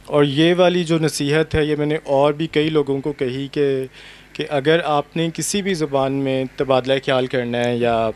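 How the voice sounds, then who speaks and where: Young guy translator on a courtyard panel, earnest, thinks out loud, slightly high voice. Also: level tone. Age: young adult. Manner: reflective, earnest, many hesitation sounds. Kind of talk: panel conversation. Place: outdoor university courtyard event.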